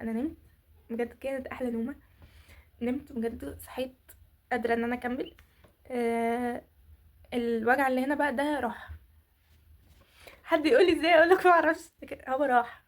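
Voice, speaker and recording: A teenage Egyptian girl talks to her followers in a loose, rambling vlog, her voice sitting high and bright. She races through her words at a breakneck clip, stumbling, restarting and piling on fillers as she goes. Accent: Egyptian Arabic. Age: teens. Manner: rambling, candid storytelling with frequent restarts and fillers. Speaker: vlogger. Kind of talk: casual chat to camera.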